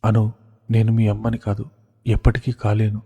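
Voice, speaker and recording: A man voicing a dying stepmother who speaks in a faint, halting way. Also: on the low side, completely flat delivery, warm tone, husky, big-room sound, muffled recording. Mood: weak.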